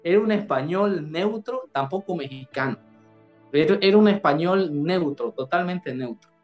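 Man, Bolivian accent, fairly high voice, earnest interview storytelling, repeats his words. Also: animated, moderate pace, lo-fi sound, faint music behind. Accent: Bolivian Spanish. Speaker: doctor, interview guest. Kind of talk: first-person storytelling in an interview.

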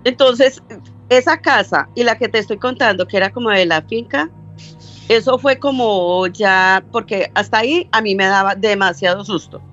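Speaking at a normal speed with a slightly bright, medium-pitched voice, a Medellín-accented older Colombian woman rambles through a story as a caller. She corrects herself and performs the dialogue she quotes, over dull audio with soft background music.

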